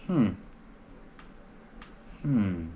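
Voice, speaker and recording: Low-voiced man rambling on a home live stream. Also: big pitch swings, very slow, narrow, tinny audio, a little hiss or hum. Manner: rambling, loose, lots of filler words. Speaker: live stream host answering viewer questions. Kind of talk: casual live stream chat.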